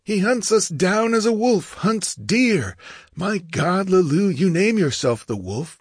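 A gloomy, frightened bandit, voiced by a man reading aloud in a storybook. The voice sits high above the narrator's own, strained and fearful. It has a husky, breathy edge, recorded close and dry. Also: dry recording, exaggerated voice. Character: frightened, superstitious male bandit.

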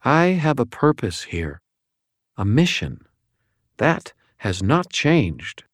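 Guy doing a cold ancient fallen angel lady, formal and snooty, kinda high, dry close sound. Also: sing-song, dry recording. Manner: formal, measured, disdainful.

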